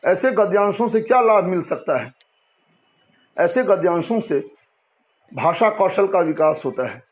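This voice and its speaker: A man's voice: high voice, animated, unhurried. A man teaching a Hindi language lesson to students, explaining patiently and often asking and answering his own questions. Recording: dull lo-fi sound.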